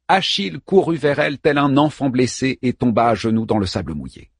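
A man narrating an epic tale in dramatic, expressive audiobook style. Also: mid-range voice, brisk, breathy edge, dry recording, clean studio sound.

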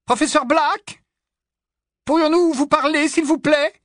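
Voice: high-pitched, steady tone, measured pace, a bit bright, dry recording, studio quality, voice pushed up. A reader voicing an eager, determined teenage girl witch in an audiobook, breathless and urgent. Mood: insistent.

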